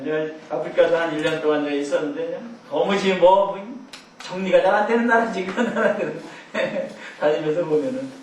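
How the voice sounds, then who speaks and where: A man's voice: high voice, far from the mic. A middle-aged man teaching a Bible class in a church hall, in a conversational way with rambling asides. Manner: conversational, rambling asides with chuckles and mimicked shouts. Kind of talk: Bible lecture.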